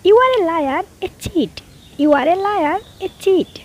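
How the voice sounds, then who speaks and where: A very high, lively voice belongs to a woman, a Bengali speaker teaching spoken English. She reads each sentence very slowly and deliberately, repeating it twice. A faint hiss of background noise sits under her voice. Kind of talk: slow, repeated phrase-by-phrase teaching.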